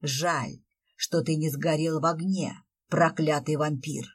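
A woman's voice: sits low, fairly even intonation, slow pace, husky, pitched below the performer's own voice, heavily acted. A woman voicing a scheming witch stepmother with a sweet, hissing voice in an audiobook. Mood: furious. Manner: honeyed then hissing.

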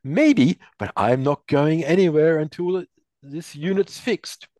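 A man voicing an enraged prison warden who shouts bullying threats in a voice pushed high above his own. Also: unhurried, no echo, natural voice. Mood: furious.

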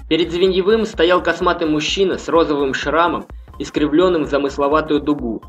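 A man's voice: a little high, fairly quick. Man narrating a story over faint music. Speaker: audiobook narrator. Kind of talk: scripted narration.

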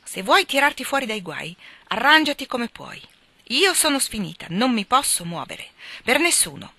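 A tearful, indignant young wife, as a woman reader puts her on in a storybook reading. She cries out in high, sharp, exclamatory bursts, sobbing and reproachful. The sound is dry and close. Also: a little fast, no room sound. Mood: distraught, indignant.

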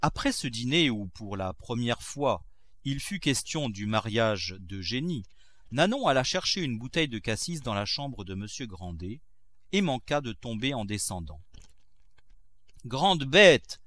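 A man narrating a classic novel in a measured, expressive way. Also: medium pitch. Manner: measured, expressive, acts out characters. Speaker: audiobook narrator.

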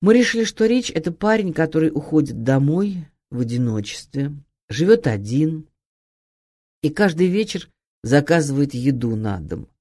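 A woman giving an expressive, emphatic scripted narration of an acting guide, read as an audiobook. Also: deep voice, normal speed. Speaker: audiobook reader.

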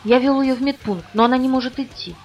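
A woman's voice: high voice, fast, voice pushed up. A woman reading an audiobook, voicing a nervous, frightened teenage boy in a shaky, anxious way. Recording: distant, muffled, soft music.

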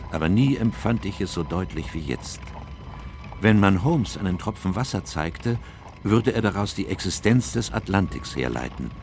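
An actor playing an earnest, troubled doctor who narrates a radio drama in a measured, reflective way. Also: male voice, low voice, creaky, noisy background, full character voice.

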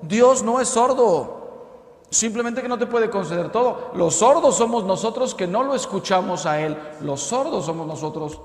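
A Mexican man in his fifties, a priest preaching with a lively delivery and acted-out voices in his jokes. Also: high-pitched, moderate pace. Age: 50s. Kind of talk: preaching talk. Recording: echoey hall.

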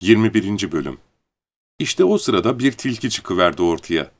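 A man narrating a storybook audiobook in a calm, even storytelling manner. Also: low-pitched, moderate pace.

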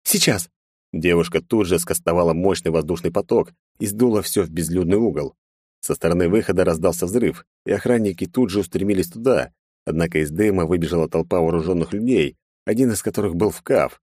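A man's voice: deep voice, brisk, warm tone, no room sound, clean studio sound. A man narrating a first-person action story with a sardonic, terse inner voice. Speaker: audiobook narrator.

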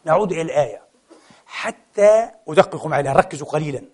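Middle-aged male preacher, quick delivery, lively sermon mixing formal and colloquial speech. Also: on the high side. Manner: animated, switches between classical Arabic and colloquial asides, rhetorical questions. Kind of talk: Friday sermon to a congregation.

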